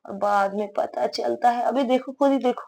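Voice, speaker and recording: A woman's voice: on the high side, moderate pace, creaky, a little mellow. A young woman talks through her night out in a chatty vlog voice-over. She jokes at her own expense and drops teasing asides, keeping it light and playful the whole way through. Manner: playful, self-mocking, jokey asides. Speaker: vlogger.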